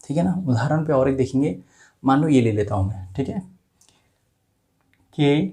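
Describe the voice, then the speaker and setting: A man teaching a script lesson, saying each letter slowly and carefully and repeating sounds one by one. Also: mid-range voice, expressive, mellow.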